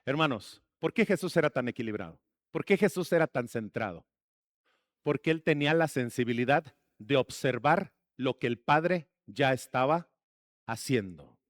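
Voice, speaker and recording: A man's voice: medium pitch, lively intonation, normal speed, no room sound, clean studio sound. A man preaching a sermon as pastor, asking the congregation questions and slipping in jokes. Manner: asks the congregation questions and jokes between points.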